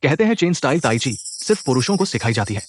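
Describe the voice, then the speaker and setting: A man's voice: medium pitch, big pitch swings, fast, no room sound. A man voicing a sneering clan schemer. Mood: scheming. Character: scheming male rival of a martial clan. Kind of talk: Hindi-dubbed short drama.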